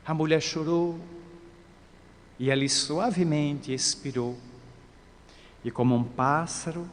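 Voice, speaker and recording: Slow, dramatic spiritist preacher. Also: male voice, fairly high pitch. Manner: dramatic, with big swings in loudness. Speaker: spiritist speaker. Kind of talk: storytelling sermon. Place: lecture hall. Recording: long reverb of a lecture hall.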